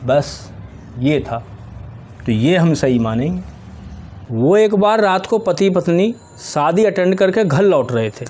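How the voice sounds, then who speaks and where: A man's voice: sits high, expressive, a little mellow. A man, telling jokes in a casual storytelling way and acting out his characters' lines. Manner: storytelling, quick acted quotes of characters.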